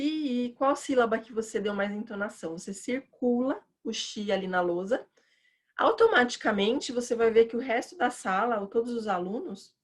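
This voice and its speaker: A woman with a chatty, opinionated manner, teaching teachers in an educational video and stretching words out as she demonstrates them. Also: a little high. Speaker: teacher trainer.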